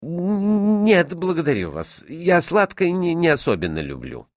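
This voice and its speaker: A bashful young student tutor, polite and easily flustered, who stammers, voiced by a man reading a storybook. His voice rises and falls in a lively way. The recording is dry and close. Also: on the high side, a little slow, no room sound, voice pushed up.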